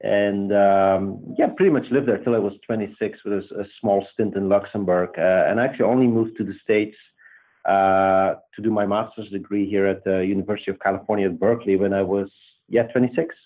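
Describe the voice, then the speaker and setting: A man with a Belgian accent and a lowish, steady voice talks a little quickly as a startup founder in a casual interview. He hesitates, restarts and uses many fillers, and the line sounds tinny, like a phone.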